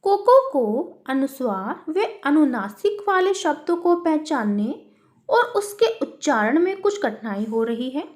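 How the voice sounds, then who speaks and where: A woman's voice: high voice, sing-song, a little slow, darkish tone. A woman teaching a children's worksheet lesson. She calls the pupils "beta" and asks and answers her own questions.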